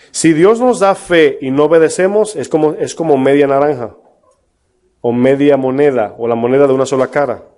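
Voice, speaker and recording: Male pastor preaching, fairly high voice, lots of rhetorical questions, emphatic. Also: darkish tone. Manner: mocks false prophets in a put-on voice. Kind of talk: sermon.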